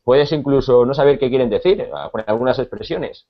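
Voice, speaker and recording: A man from Spain with a Spanish accent, teaching a conversational Spanish lesson, pausing often with repeated words and fillers. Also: medium pitch, highs cut off.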